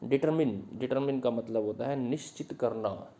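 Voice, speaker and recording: Male teacher with a warm, mellow tone, patiently going through vocabulary. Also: medium pitch, moderate pace. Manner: explains each word with Hindi meanings and everyday examples. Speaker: English teacher. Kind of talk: vocabulary lesson explaining words.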